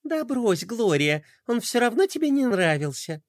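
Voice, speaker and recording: A gushing, cheerful young princess girl, as a man reads her out. Her voice rides high and swings brightly. The sound is dry and close. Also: animated, takes it slowly, no room sound, full character voice. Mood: breezy. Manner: bubbly, gushing.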